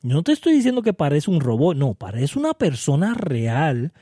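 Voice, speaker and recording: A man's voice: fairly high pitch, huge pitch swings, normal speed, mellow, slightly rough, dry recording, clean studio sound. A man hosting a casual podcast, chatty and repetitive, often checking in the listener and mixing in words. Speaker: podcast host. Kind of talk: casual podcast talk on marketing tools.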